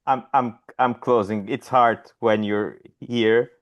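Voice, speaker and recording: A man's voice: mid-range voice, steady tone, takes it slowly, muffled recording. A man hosting an online session, thanking everyone with stammered restarts. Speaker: host closing the online session. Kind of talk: closing remarks on a video call.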